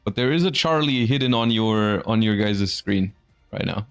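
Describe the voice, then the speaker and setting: A man's voice: on the low side, normal speed, creaky, faint music behind. A man hosting and commentating a live card game tournament in a conversational, explanatory announcer manner.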